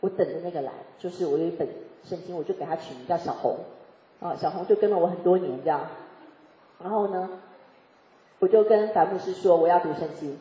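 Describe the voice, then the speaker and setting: Fast-talking woman giving testimony in an echoey hall. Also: on the low side. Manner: lively storytelling, often laughing. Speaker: church member giving testimony. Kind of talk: personal faith testimony. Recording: echoey hall, dull sound.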